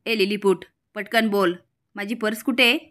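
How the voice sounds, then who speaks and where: A woman's voice: mid-range voice, fairly even intonation, moderate pace, fairly bright tone, lightly acted. Spoiled rich girl, snapping at the servants, read by a woman. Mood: scornful. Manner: scolding, insulting. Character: haughty young rich woman, rude to servants.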